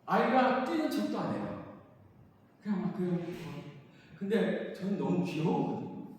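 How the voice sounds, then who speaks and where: A man preaching a sermon in a large church, his voice high and lively and rising and falling a great deal. He tells stories with sharp jumps between loud and hushed. He is picked up from a distance, with a long echo around him and a faint hum of room ambience. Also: normal speed. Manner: animated storytelling with sharp swings between loud and soft. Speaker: pastor. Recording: echoey church hall from a distance.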